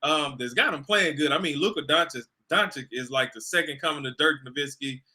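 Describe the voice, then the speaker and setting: Texan male radio voice, smooth, very bright tone, slightly high, chatty guest. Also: a little fast. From Texas. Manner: lively, chatty sports talk. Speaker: guest, radio host and media entrepreneur. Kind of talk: casual interview chat. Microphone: remote call.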